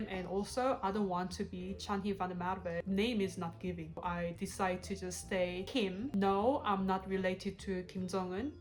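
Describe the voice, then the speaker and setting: A young adult woman from South Korea with a Korean accent, chatting bluntly in a couple's Q&A video. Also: medium pitch. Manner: chatty, blunt, laughs often. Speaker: co-host of a couple channel. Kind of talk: casual Q&A chat.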